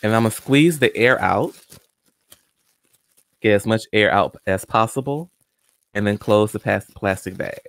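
Somewhat slow and pausing often, this man in his forties speaks in a lowish, slightly bright voice with vocal fry as a guest scientist. He's friendly, taking viewers step by step through a hands-on experiment at home. The setup is a small home room with a studio condenser mic, pop filter and headphones.

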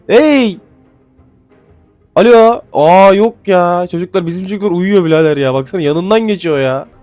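A man giving casual gameplay commentary, excitable and swearing casually, then dropping to mumbling asides. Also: sits high, fast talker, no room sound. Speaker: gaming YouTuber. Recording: faint music behind.

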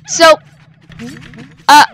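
A woman giving casual, rambling gameplay commentary as a let's player, with sudden excited exclamations. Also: very slow, poor audio. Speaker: video game let's player.

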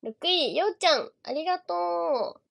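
A young woman with a Kansai accent chats on a close mic in a casual livestream. Her voice sits high and bright. She is bubbly and giggly, and she keeps calling out viewers' names to thank them. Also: animated, unhurried, creaky. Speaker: idol livestream host. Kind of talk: casual livestream chat reading viewer gifts.

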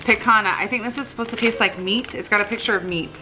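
A woman's voice: mid-range voice, fast, background noise. A woman in her thirties chatting casually as a vlog host, recorded on a camera at arm's length indoors. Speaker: vlog host doing a taste test. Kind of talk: casual chat. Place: living room couch, indoors.

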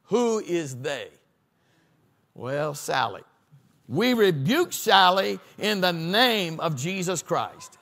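A middle-aged pastor delivers a sermon at a Bible study on a church stage, calling for the audience to respond as his lists build to a crescendo. His high, gravelly voice has a fairly bright tone, and he speaks slowly with animation.

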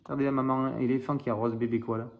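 Very fast and creaky, this medium-pitched man animatedly reads a picture book to young children, talking straight to them and then quizzing them. The recording comes from a roomy, echoey room.

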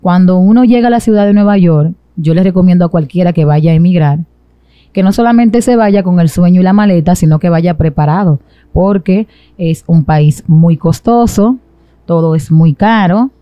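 Speaking at a normal pace, this young Dominican woman has a fairly low, clear and resonant voice and shares her personal story as a guest in an interview. She sits in a small indoor studio set with a sofa, recorded on a boom-arm microphone near her mouth, with no room sound and the highs cut off.

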